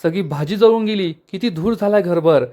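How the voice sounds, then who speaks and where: An exasperated young man scolding an elder about a burned pan, read aloud by a man narrating the story. He sounds irritated, with his pitch pushed a little high. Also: normal speed, mellow, natural voice. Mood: annoyed.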